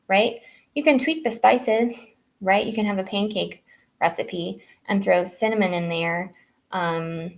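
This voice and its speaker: A woman's voice: lowish voice, gravelly. A middle-aged woman health coach giving a casual live online training, talking loosely with many fillers and "right?" tags.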